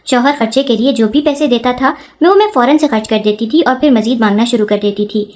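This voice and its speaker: Woman storyteller, first-person scripted narration, steady delivery, fairly high pitch.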